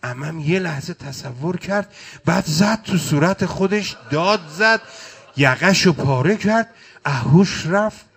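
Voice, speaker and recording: A man's voice: a little high, animated, fairly bright tone, slightly rough. A man preaching a mourning sermon, reciting phrases in a chanting cadence. His delivery is impassioned, swelling and dropping with emotion.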